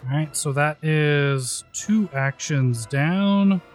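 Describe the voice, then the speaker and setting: A man with a fairly high voice plays a tabletop game, talking casually through his moves and dice rolls. Music sits behind his voice. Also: slow.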